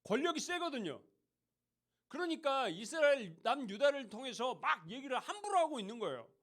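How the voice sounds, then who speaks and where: A man with a very high, animated voice preaches to a youth group. He talks to them conversationally, throws questions at them, and sometimes slips into mocking voices. It sounds like a church education hall. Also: moderate pace. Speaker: youth pastor. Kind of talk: sermon to teenagers.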